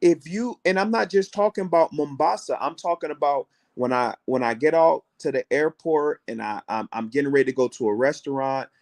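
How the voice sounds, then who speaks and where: Fairly high-pitched and expressive, an American co-host of a casual call-in travel show talks fairly quickly with few pauses. He builds his point through one rhetorical question after another, acting out other people's voices as he goes.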